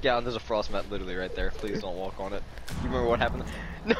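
A man chatting casually with friends while gaming, laughing often and yelling excitedly at the game. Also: on the low side, quick pace, heavy background noise. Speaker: gamer on the channel. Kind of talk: casual gaming chat over voice call.

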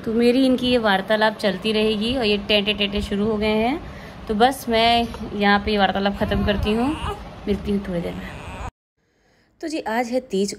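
A chatty young woman talks through her day in a casual home vlog, mixing English words into her sentences. Her voice sits at a middle pitch, with a faint hiss behind it. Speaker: vlogger.

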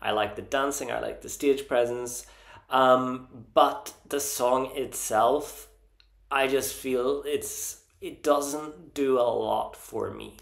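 Gravelly man vlogging in a roomy echo. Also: medium pitch, steady tone, slow pace. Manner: hesitant, frequent ums and restarts; earnest and openly enthusiastic. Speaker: Eurovision vlogger ranking songs. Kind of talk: casual opinion vlog.

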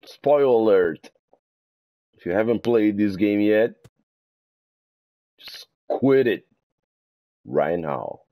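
Homem com sotaque brasileiro reclamando em voz alta enquanto joga, entonação muito expressiva e ritmo pausado. Gritos de desespero surgem a cada morte. Por trás, a trilha do game soa suave. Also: male voice, fairly low pitch, animated, dull audio. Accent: Brazilian Portuguese. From Brazil. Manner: exasperated, swings into loud cries of despair. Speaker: gameplay streamer. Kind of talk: gameplay commentary in Portuguese and English. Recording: game music faintly behind.

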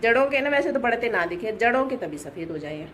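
Woman, 30s, home vlogger, bright voice, casual chatter about the day, faint background noise. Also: animated, a little fast, poor audio. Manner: chatty, scolds children in sharp high calls. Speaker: vlogger, mother. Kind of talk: casual home vlog narration. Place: indoor home.

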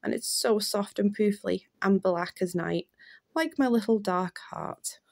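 A woman's voice: medium pitch, measured pace, vocal fry, darkish tone. A woman, chatting enthusiastically to camera as she unboxes beauty gifts. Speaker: beauty vlogger. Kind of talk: casual unboxing chat to camera.

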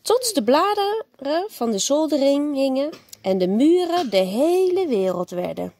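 A woman teacher reading a bedtime story aloud to a child, gentle and expressive. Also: sits high, a little slow.

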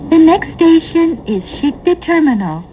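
A woman reading scripted automated train announcements in a formal, deliberate manner. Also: very high voice, sing-song. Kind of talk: scripted recorded onboard announcement. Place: train carriage public-address system. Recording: tinny narrow-band train PA, running noise. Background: train ambience.

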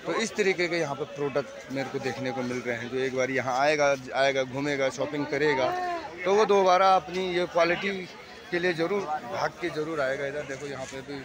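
Man vlogger, phone in hand, slightly high voice, touring a packed night market, loud crowd all around. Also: brisk. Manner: chatty, repetitive, hawks quality to viewers. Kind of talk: walking market tour vlog. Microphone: handheld phone.

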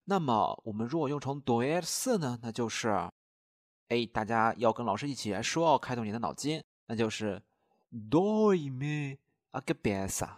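A man teaching a recorded language lesson, patiently repeating each new word slowly twice and often checking in with rhetorical questions. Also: medium pitch, animated, no room sound, clean studio sound. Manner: patient, drawn-out model pronunciations, frequent rhetorical checks.

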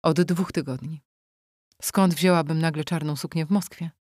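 A steely young widow in a storybook speaks curtly and calmly, her voice low and level, as a woman narrator gives her lines. The recording is close and dry. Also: normal speed, dry recording, close to an everyday voice. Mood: composed. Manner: curt, hard, composed. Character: cool-headed young widow, tough and commanding. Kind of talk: audiobook character voice.

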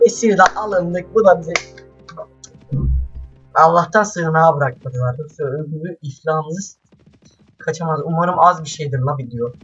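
A man doing casual let's-play commentary, chatty and excitable, swearing often and talking straight to his viewers. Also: on the high side, normal speed, pauses often, breathy edge, lo-fi sound. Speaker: gameplay commentator. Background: faint game music.

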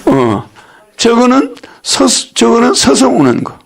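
An older man lectures in a folksy, teasing way, often breaking into laughter and quizzing his listeners. His voice sits high and has a gravelly edge. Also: wildly swooping pitch, slow. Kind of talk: religious lecture.

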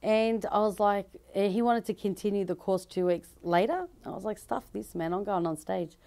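Her voice sits mid-range with a creaky, darkish quality, moving at a moderate pace. An Australian comedian and fashion designer in her thirties, she chats through an interview indoors at a bridal dress shop, laughing easily and restarting sentences, into a handheld mic the interviewer holds.

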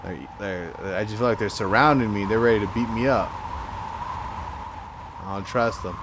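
With some background noise behind him, an American gamer with a lowish voice talks at normal speed through casual gameplay commentary, voicing his thoughts in short bits of slang.

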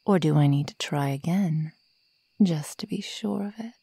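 A woman voices a sadistic young female werewolf toying with her prey in a full-character ASMR roleplay, speaking in a low, creaky, breathy whisper with a dark tone. She's slow, taunting and menacing, her mood cruel yet playful. The mic is super close and dry, with no echo.

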